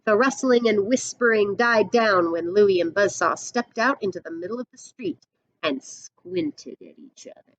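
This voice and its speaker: A middle-aged woman with a mid-range voice reads a picture book aloud with expression, adding dramatic pauses and explanatory asides. The recording quality is rough.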